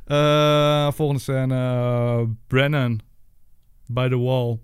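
A man's voice: medium pitch, little pitch movement, very slow, clean tone, dry recording, clean studio sound. A young man co-hosting a casual podcast, recapping a TV episode from his notes with jokes and laughter. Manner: reads notes aloud, joking, laughs easily. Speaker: podcast co-host.

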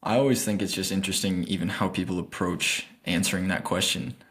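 A man's voice: deep voice, fairly even intonation, fairly quick, fairly bright tone, slightly rough. A man hosting a podcast, asking questions casually and hesitantly, restarting phrases often. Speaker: podcast host.

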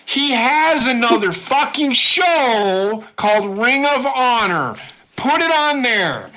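A woman's voice: fairly high pitch, very animated, slow, a bit bright. A woman co-hosting a podcast, ranting heatedly and swearing freely in casual chat. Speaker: podcast co-host.

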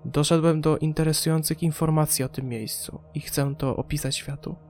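A man's voice: on the high side, steady tone, normal speed, a little mellow, soft background music, natural voice. A man voicing a polite, persuasive, ambitious male journalist in an audiobook.

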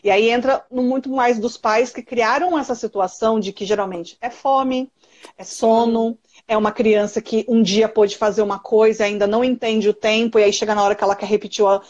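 A woman's voice: fairly high pitch, fairly even intonation, a little fast, a little mellow. Earnest woman guest, dull lo-fi sound. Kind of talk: casual live chat about parenting.

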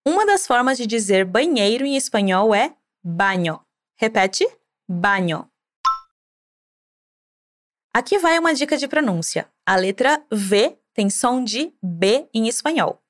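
High-voiced encouraging language teacher woman. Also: very animated, a little slow. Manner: clear, encouraging, drilling repetition. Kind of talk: scripted podcast lesson.

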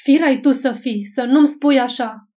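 Brief: cold, irritable young gentleman, clipped and sharp-tempered, mellow voice, read by a female narrator. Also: fairly high pitch, steady tone, recorded from a distance, natural voice. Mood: irritated. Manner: curt and snapping.

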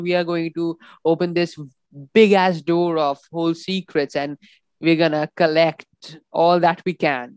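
A woman's voice: low voice, smooth, dry recording. A woman co-hosting a casual book discussion, making short rambling asides and brief reactions. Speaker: book club co-host.

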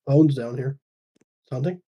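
A man chatting casually while playing a ghost-hunting game, low-key and trailing off into quiet mumbled asides. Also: moderate pace, breathy edge. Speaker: podcast co-host. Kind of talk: casual gaming chat.

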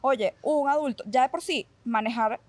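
A woman psychologist with a Venezuelan accent, calmly explaining ideas in a casual podcast conversation and checking in with her listeners as she goes. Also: high-pitched, moderate pace. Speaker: psychologist guest.

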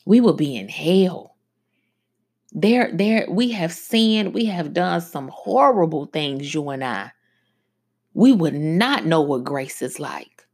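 Slow, animated woman preaching on a radio show. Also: low-pitched, husky. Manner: conversational preaching, slows down for emphasis, frequent asides. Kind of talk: faith-based motivational talk.

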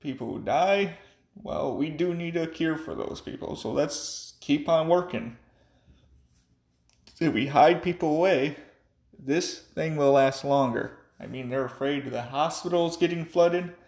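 A tipsy man rambling offhand in a casual vlog monologue, swinging between loud bursts and mumbles. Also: fairly high pitch, measured pace, reverberant. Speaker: vlogger.

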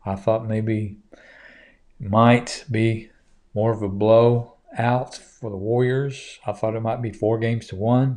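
A man's voice: on the low side, darkish tone. A man hosting a casual show, talking through his sports picks in a hesitant way with lots of fillers. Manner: hesitant, many fillers and restarts. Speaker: podcast host.

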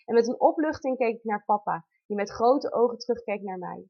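Woman in her 30s reading a letter to her baby, soft and heartfelt, bit high voice, kinda dull lo-fi sound. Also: lively intonation, brisk, breathy edge. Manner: heartfelt, intimate, tender. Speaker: mother telling her birth story. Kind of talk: reading a personal letter aloud. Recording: dull lo-fi recording.

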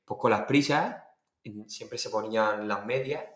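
A man's voice: on the low side, a little slow. A man from Spain with a Murcian accent, a guest singer telling stories in a casual podcast interview and acting out voices as he goes. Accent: Murcian Spanish. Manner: animated anecdote-telling, acting out voices with laughs. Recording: echoey room.

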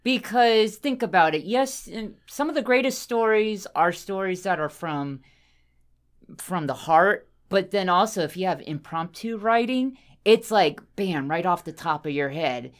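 A woman's voice: medium pitch, unhurried. A woman co-hosting a podcast in casual chat, easily amused and laughing often. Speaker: podcast co-host.

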